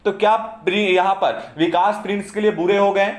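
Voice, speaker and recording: Speaking in a roomy-sounding space, a man with a high voice lectures in a steady tone at a moderate pace. He explains his points and repeatedly checks comprehension by asking the students "समझे?"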